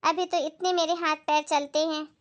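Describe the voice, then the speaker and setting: A woman doing a sharp-tongued middle-aged mother-in-law in a family moral skit. She scolds in a very high voice. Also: little pitch movement, normal speed, highs cut off, close to an everyday voice. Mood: remorseful. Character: nagging middle-aged mother-in-law who avoids housework.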